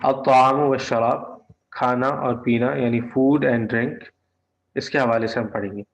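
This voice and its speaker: A man's voice: medium pitch, fairly even intonation, vocal fry. A man teaching Arabic from a textbook, translating each phrase word by word and repeating it. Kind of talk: textbook lesson. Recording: echoey, slightly dull recording.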